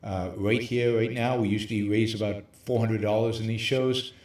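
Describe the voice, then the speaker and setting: A man hosting a livestream, lecturing emphatically from a hotel room with very high ceilings, his voice carrying a hollow cave-like echo. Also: fairly even intonation, moderate pace, darkish tone. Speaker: show host. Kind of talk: livestream talk on philosophy.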